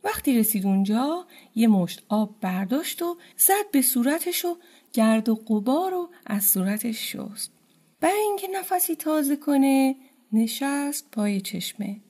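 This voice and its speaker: A woman narrating a folk tale in a gentle, colloquial storytelling manner. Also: high-pitched, very animated, husky.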